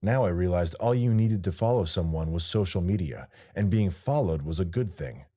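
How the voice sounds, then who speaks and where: Deep-voiced man narrating an audiobook. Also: expressive, normal speed, warm tone. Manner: wry first-person storytelling. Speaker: author narrating his own audiobook.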